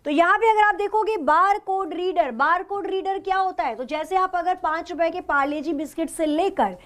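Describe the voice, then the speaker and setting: A woman's voice: extremely high pitch, moderate pace, a bit bright. A woman teacher taking a live online class, asking questions and then answering them herself, with English terms mixed into her talk.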